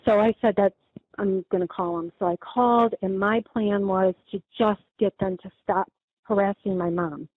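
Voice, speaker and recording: A middle-aged woman tells a story, acting out each back-and-forth and stumbling over restarts as she goes. Her voice comes through a thin, phone-like channel with a dry, close sound and a faintly husky edge. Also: medium pitch, normal speed, no echo. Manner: lively retelling with many quoted exchanges and restarts. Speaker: guest telling of a scam call. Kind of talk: conversational storytelling. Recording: tinny phone-like line, dry.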